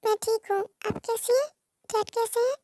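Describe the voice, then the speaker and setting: A woman's voice: very high voice, steady tone, moderate pace, warm tone, slight background noise. A woman playing a touchy, proud young woman with defensive, self-critical outbursts in a fan-dubbed romance drama. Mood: irritated.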